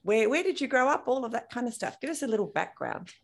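A woman's voice: on the high side, sing-song, fast, vocal fry. A woman hosting a podcast, chatty and friendly, talking with her guest over a video call. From Australia. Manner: friendly, chatty, laughs often. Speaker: podcast host. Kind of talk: casual interview chat.

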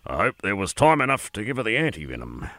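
A man voicing a calm, knowing old male farm dog in a storybook. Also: quick pace, no echo. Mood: sober, reassuring. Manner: calm, reassuring, low-key.

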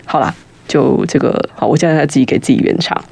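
A young man, guest-hosting a casual radio chat in a studio, talking fast and rambling with nervous restarts. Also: mid-range voice, gravelly, a little mellow, no echo. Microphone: studio mic with headphones.

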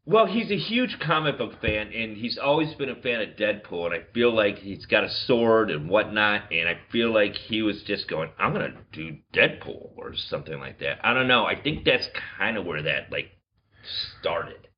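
A man talks movies with friends, quick to laugh and excitable. His voice sits low but swings widely in pitch, and his sentences often fade away quietly. The recording sounds a little dull and lo-fi. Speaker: podcast co-host. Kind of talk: casual movie-review chat.

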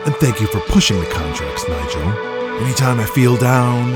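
A man's voice: mid-range voice, animated, normal speed, loud music behind the voice, natural voice. A man voicing a ruthless, gloating male wrestling promoter villain, cold and contemptuous.

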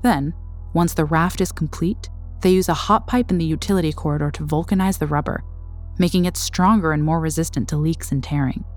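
A woman with a low-sitting, darkish voice gives scripted documentary narration as a studio voice-over, with faint music behind. Her delivery is measured and dramatic, like storytelling.

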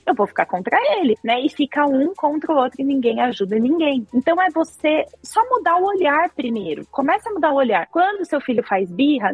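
A woman's voice: fairly high pitch, breathy edge, no room sound. A woman, a psychopedagogue guest explaining her ideas earnestly in an interview, often checking in with tag questions.

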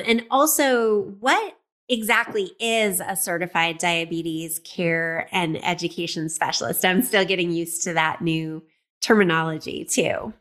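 A woman's voice: mid-range voice, fairly bright tone, clean tone. A woman hosting a health podcast, delivering a prepared introduction and welcoming questions in a presenter's style. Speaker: podcast host, dietitian.

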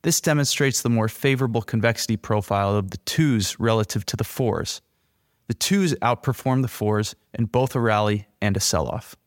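A man's voice: on the low side, normal speed, no room sound. Man presenting finance commentary, dry close sound. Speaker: investment podcast host. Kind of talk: scripted finance podcast commentary.

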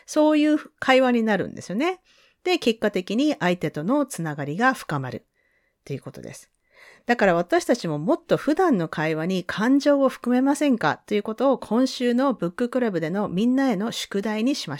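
A woman's voice: mid-range voice, dry recording, studio quality. A woman from Japan hosting a solo podcast, explaining in a chatty way and slipping into quoted speech. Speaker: podcast host. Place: lives in English-speaking country.

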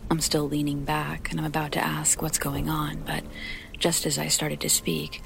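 Over music and rain in a noisy background, a woman reads a first-person horror story as scripted narration. Her deep voice is breathy, creaky, and close to a whisper, delivered in a monotone at normal speed.

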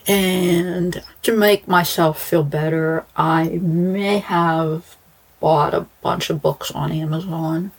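A woman's voice: on the low side, steady tone, takes it slowly, slightly rough. A woman podcast host giving a casual solo update to listeners, in a rambling, informal way. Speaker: true crime podcast host.

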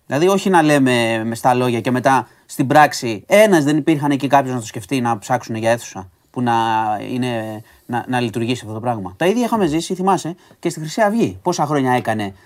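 Podcast guy going over the news with his cohost, chatty, lots of asides and ums, normal pitch. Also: lively intonation, hardly any pauses. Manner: chatty, recaps news stories with asides and hesitations. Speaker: podcast host. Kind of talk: casual news chat with a co-host.

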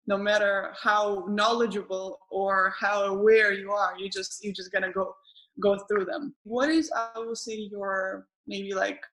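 A woman tennis player in casual conversation, talking haltingly with frequent restarts and repeated words. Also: mid-range voice, a bit bright, low-quality recording.

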